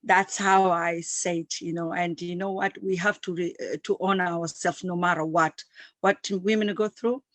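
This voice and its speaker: A woman's voice: on the low side, steady tone, moderate pace, fairly bright tone, dry recording. Emphatic East African-raised woman in her fifties. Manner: emphatic and repetitive, speaks with passion. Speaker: guest entrepreneur. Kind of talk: interview, enthusiastic storytelling.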